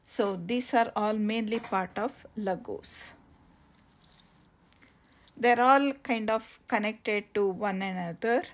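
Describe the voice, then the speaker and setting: A travel vlogger, a woman with a medium-pitched voice, narrates a casual vlog outdoors on coastal cliffs. Her delivery is halting, with many fillers and restarts.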